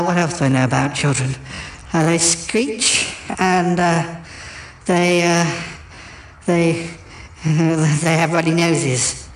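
A man's voice: fairly high pitch, pitched above the performer's own voice. A man voicing a pompous, theatrical middle-aged woman who gushes and calls everyone darling. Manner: grand, gushing, says "darling". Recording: roomy echo.

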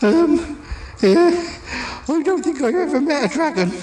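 A woman's voice: high voice, expressive, a little slow, warm tone. A woman voicing a nervous, giggly male stage actor who rambles and hesitates as he leaves a message. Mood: bubbly. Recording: roomy echo.

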